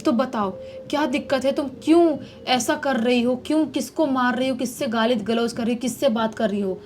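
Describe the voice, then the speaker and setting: A woman voicing a worried husband who gently questions his troubled wife. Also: high voice, steady tone, moderate pace, a little hiss or hum, close to an everyday voice. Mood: coaxing. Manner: coaxing, questioning.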